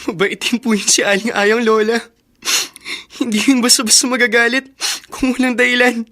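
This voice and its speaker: A tearful teenage boy in a radio drama, as played by a voice actor, speaking in a shaky, crying voice of ordinary pitch. He sounds hurt and anxious. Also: level tone, moderate pace, fairly bright tone, natural voice. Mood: upset. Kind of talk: Filipino radio drama acting.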